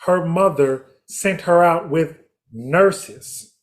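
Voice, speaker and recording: A man's voice: fairly high pitch, takes it slowly. A man leading a casual Bible study discussion, reflective and interjecting with hallelujah.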